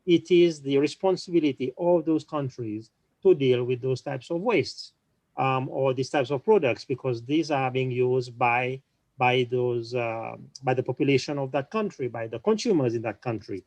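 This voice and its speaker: A man speaking on a conference panel, explaining at a measured pace and often restarting his sentences. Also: mid-range voice, a little mellow, no echo, rough recording. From small island nation.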